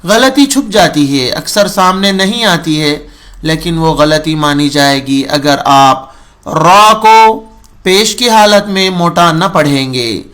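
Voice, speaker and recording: A man with a noticeably high voice teaches a recorded Quran reading lesson. He stretches single syllables slowly and repeats each sound again and again so students can copy it. His manner stays patient and instructive throughout. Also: fairly bright tone. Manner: slow drawn-out syllables, repeats sounds to model pronunciation. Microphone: recording for remote students.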